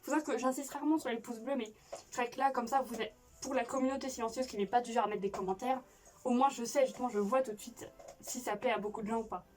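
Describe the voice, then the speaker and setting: A woman's voice: fairly high pitch, fairly even intonation, quick pace, a little mellow. A woman YouTuber chatting casually as she plays a quiz game, rambling and restarting her sentences. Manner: chatty, rambling, self-justifying with frequent restarts. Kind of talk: casual reaction chat. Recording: voice a bit distant from mic with faint noise.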